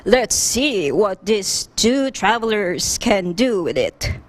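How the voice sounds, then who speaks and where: Brief: woman playing a hearty, laughing round man, slow and jolly. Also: medium pitch, very animated.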